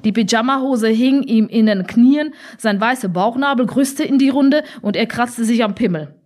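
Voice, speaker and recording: A woman reading a story aloud with expressive, dryly humorous narration. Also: fairly high pitch, normal speed. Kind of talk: scripted audiobook narration.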